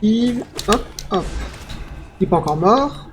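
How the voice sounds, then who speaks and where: A man giving let's play commentary, excitable, yelping and talking back to the game as he plays. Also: sits high, takes it slowly, background noise. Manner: excitable, yelps and talks to the game. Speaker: gaming streamer.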